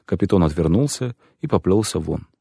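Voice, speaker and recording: Low, dark-voiced male storyteller. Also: animated, fairly quick, creaky, husky, dry recording, clean studio sound. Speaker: audiobook narrator. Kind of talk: scripted literary narration.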